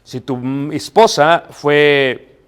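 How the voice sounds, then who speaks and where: A man's voice: on the high side, very slow, fairly bright tone, smooth. A middle-aged man with a Mexican accent preaching a sermon on marriage. He stresses his points, repeats key phrases and asks rhetorical questions. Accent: Mexican Spanish.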